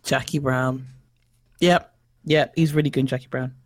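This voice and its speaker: A man, co-hosting a casual film chat and retelling scenes in an animated way. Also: medium pitch, normal speed, low-quality recording. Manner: animated storytelling, acts out quoted lines. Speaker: podcast co-host.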